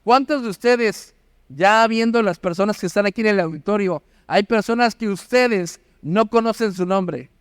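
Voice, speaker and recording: Man, pastor, sermon, high voice, smooth, dry sound, asks the congregation questions. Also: moderate pace, dry recording. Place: church auditorium.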